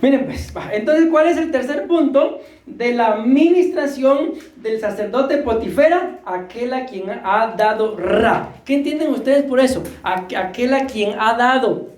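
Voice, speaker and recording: Breathless pastor, high voice. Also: male voice, a little slow, a little mellow, echoey room. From Costa Rica. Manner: conversational, jokey preaching with questions to the congregation. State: short of breath. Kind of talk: sermon. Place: church hall.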